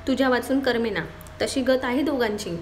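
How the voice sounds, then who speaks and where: A woman's voice: fairly high pitch, steady tone, a little fast, slight background noise, close to an everyday voice. A woman voicing a homely middle-aged mother. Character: kindly middle-aged mother, gently scolding.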